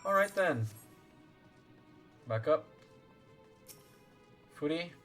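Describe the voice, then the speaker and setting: A man's voice: on the high side, animated, very slow, a bit bright. Playful male game streamer over music. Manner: playful, chatty. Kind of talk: casual live game commentary.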